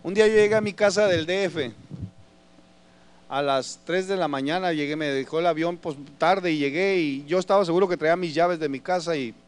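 A man's voice: a little high, fairly quick, clean tone. A man preaching a sermon, telling stories with animation and calling the congregation brothers. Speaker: pastor.

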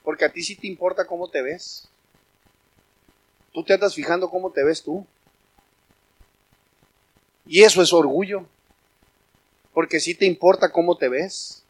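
A pastor preaching a sermon, emphatic and speaking directly to the congregation as brothers. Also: male voice, high-pitched, unhurried, long pauses, breathy edge.

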